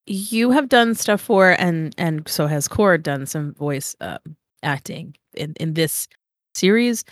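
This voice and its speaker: A woman's voice: low voice, expressive, slow, dry recording, clean studio sound. Congested, chatty woman host. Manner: chatty, swearing, laughing often. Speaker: podcast host. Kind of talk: casual chat.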